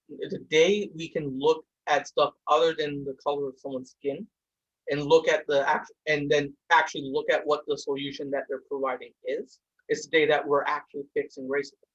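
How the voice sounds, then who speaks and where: A young adult man from India hosts a podcast from a room in his home, talking heatedly and fast with many restarts in a casual discussion. His voice sits on the high side with a breathy edge, and the recording is muffled.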